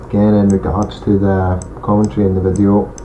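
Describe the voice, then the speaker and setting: This man's voice is lowish and brisk, carrying a regional accent he says not everyone will follow. As a gaming channel host playing a strategy game, he casually thinks aloud about his moves in relaxed let's play commentary full of mumbled asides. The dull lo-fi home mic adds a loud hiss.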